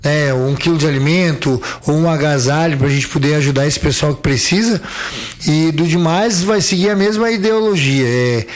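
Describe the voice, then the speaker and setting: A man with a fairly high voice talks through plans as a guest on a local radio broadcast. He rambles, repeats words and leans on fillers as he goes. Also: normal speed. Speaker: event organizer guest. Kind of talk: casual radio interview.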